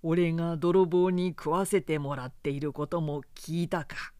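A reader voicing a proud young samurai lord who speaks in curt, cold, firm refusals, slowly and with force. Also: male voice, a little high, fairly even intonation, darkish tone, clean tone, no room sound, natural voice. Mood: wry challenging.

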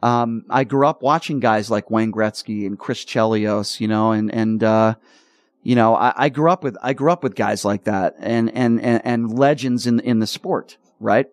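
Earnest, halting man, choked up. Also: lowish voice, dry recording, clean studio sound. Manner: earnest, halting, repeats words. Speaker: radio sports talk host. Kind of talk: casual radio talk.

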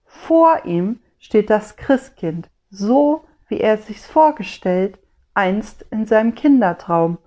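A woman storyteller reciting a rhymed Christmas poem in a measured way, on a slightly dull lo-fi recording. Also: medium pitch, animated, warm tone. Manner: slow, measured rhyming recitation.

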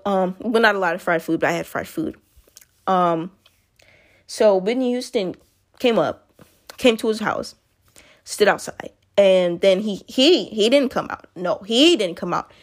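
Rambling woman chatting to her listeners. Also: mid-range voice. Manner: rambling, self-correcting, often addresses listeners directly. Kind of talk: casual monologue to listeners.

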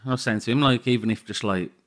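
A man with a Birmingham accent, co-hosting a podcast in casual chat, excitable and full of "like". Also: medium pitch, quick pace. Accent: Birmingham English. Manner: excitable, gushing, full of "like" and "oh my God". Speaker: podcast co-host.

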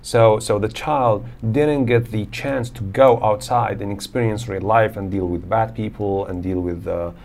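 A man's voice: on the low side, steady tone, a little slow, hardly any pauses, a little mellow, slight background noise. A man hosting a podcast, asking questions in casual conversation, often repeating words as he starts. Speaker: podcast host.

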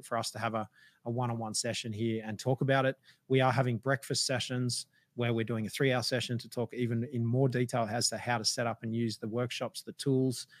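A man's voice: mid-range voice, no room sound. Man hosting, voice going. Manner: rambling, with many fillers and restarts. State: losing his voice. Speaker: livestream host. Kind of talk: casual business livestream talk.

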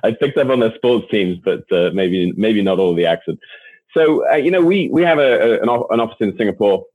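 A guest executive from England, with a low, slightly husky voice, gives animated, fairly quick interview answers, often doubling words as he restarts sentences. The audio is thin and phone-like, with no room sound or echo.

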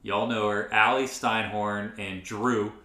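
A man's voice: on the low side, steady tone, takes it slowly, pushed and bright. A man from North Carolina, hosting a casual podcast in an upbeat, laid-back way. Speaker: podcast host. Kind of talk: casual chat. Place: small local studio.

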